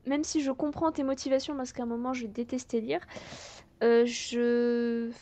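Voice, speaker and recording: A woman's voice: a little high, little pitch movement, normal speed, mellow. A woman in a casual voice-call chat, teasing and playful.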